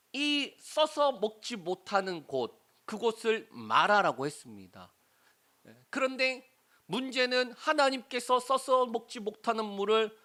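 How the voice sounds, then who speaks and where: Male pastor, sermon, middle-aged, lively swinging pitch, rhetorical questions to the congregation.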